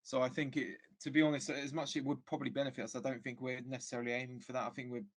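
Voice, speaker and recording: A man's voice: medium pitch, flat delivery, very fast. A man guesting on a football podcast as a fan, speaking in casual chat with frequent restarts. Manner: hesitant, many restarts and fillers.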